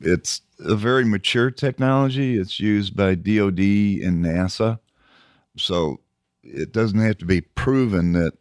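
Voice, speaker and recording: A man's voice: sits low, no room sound, studio quality. A man speaking as a company founder and podcast guest, giving conversational interview answers.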